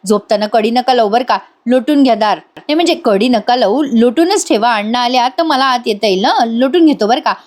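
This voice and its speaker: A woman's voice: on the high side, fairly quick, few pauses, natural voice. A woman voicing a jokey, eager young village husband, pleading and teasing as she retells a serial episode. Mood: playful pleading.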